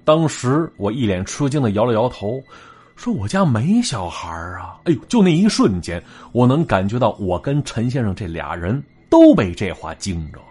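A man's voice: normal speed, breathy edge. A man narrating a spooky story in first person, acting out the lines of the people in it. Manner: animated, acts out quoted voices with big pitch jumps.

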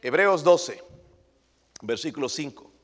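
A man's voice: on the high side, lively intonation, slow, fairly bright tone, big-room sound. A male pastor preaching a sermon emphatically, throwing rhetorical questions at his congregation.

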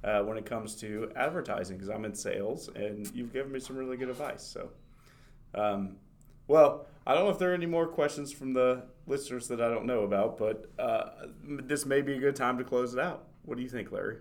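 Regular guy co-host, mid-pitch voice, teasing banter. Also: fairly quick. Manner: teasing, wraps up the show. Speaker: podcast co-host. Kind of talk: casual chat.

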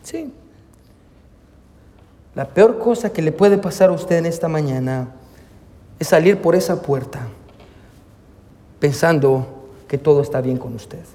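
A man preaches in a church sanctuary, recounting a story and voicing its dialogue before turning to address his listeners directly. His voice sits high. It carries a long reverb from the hall. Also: a little slow, long pauses, mellow. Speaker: pastor. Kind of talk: sermon.

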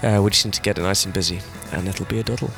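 A man's voice: on the low side, steady tone, rapid-fire, creaky, over music. A man hosting a podcast, chatty and upbeat as he signs off to listeners. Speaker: podcast host and musician. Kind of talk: casual podcast chat.

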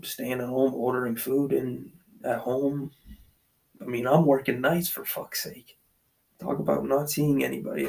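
A man's voice: medium pitch, creaky, a little mellow. A man hosting his own podcast, talking in a loose, profane, rambling monologue while pacing in a basement. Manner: profane, loose and chatty, lots of fillers. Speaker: podcast host. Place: basement, pacing back and forth. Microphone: extension-wired mic, uneven level.

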